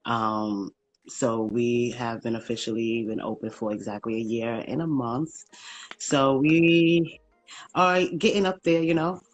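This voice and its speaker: A man from Brooklyn with a New York accent, a guest talking haltingly with many ums and likes in a casual livestream interview. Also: medium pitch, fairly even intonation, soft background music, rough recording. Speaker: guest, small business founder. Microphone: phone livestream.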